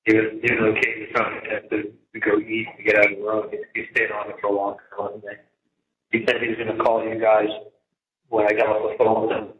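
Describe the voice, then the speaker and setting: A man calling his parents from a jail payphone, talking in halting bursts and restarting his words. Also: lowish voice, monotone, a bit bright. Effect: jail payphone line. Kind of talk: casual phone call. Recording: muffled, echoey, noisy payphone line.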